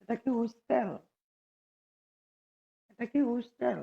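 A hoarse woman with a cold, hosting a casual live stream and arguing sharply with viewers. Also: fairly high pitch, fairly even intonation, unhurried, highs cut off. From Bangladesh. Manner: argumentative, answers viewers sharply.

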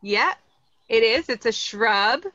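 A slightly high-pitched, animated woman speaks slowly with a bright, forceful tone in a dry recording. She's a plant educator in her thirties from Los Angeles, California, with an American accent, leading an upbeat online plant lesson from an indoor greenhouse and quizzing her audience. The laptop or webcam video call audio sounds slightly dull.

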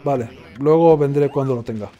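A man's voice: medium pitch, brisk, dull audio. A man giving casual let's play commentary, sarcastic and rambling, often muttering to himself. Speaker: gaming streamer. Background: faint game music.

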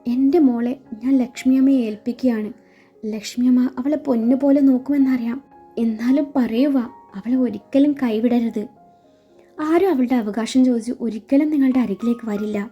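A woman's voice: a little high, normal speed, breathy edge. Heartbroken young wife's farewell letter, read by a woman. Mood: sorrowful. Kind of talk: dramatized story reading. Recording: dull lo-fi with faint music.

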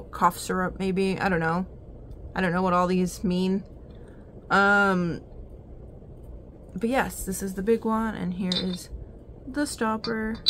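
A woman's voice: medium pitch, a bit bright, a little hiss or hum. A woman chatting casually through a haul vlog, rambling and giggling with many ums and restarts. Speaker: vlogger showing an oddities haul.

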